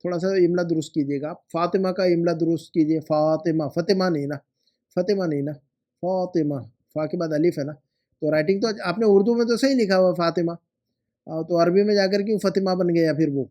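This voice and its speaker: A man teaches Arabic grammar, patiently correcting homework and repeating words slowly. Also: sits high, dark tone. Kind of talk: explanatory lesson.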